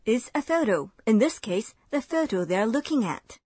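A woman hosting a language lesson, giving clear, measured scripted explanations. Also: fairly high pitch, big pitch swings, darkish tone, no echo, clean studio sound.

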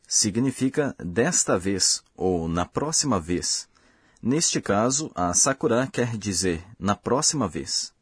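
A man with a husky, low-set voice reads a language lesson in a slow, careful, explanatory way. The sound is dry and close, with no room around it. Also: lively intonation, dry recording. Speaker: language course host. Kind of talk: scripted lesson narration.

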